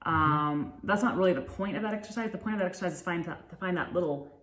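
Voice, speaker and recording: A woman's voice: on the low side, quick pace, fairly bright tone, echoey room. A woman hosting an opera singing lesson, talking casually and stumbling over her words as she explains technique. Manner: chatty, restarts and fillers, demonstrates by singing. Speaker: opera singer and vocal coach host. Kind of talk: casual vocal lesson chat.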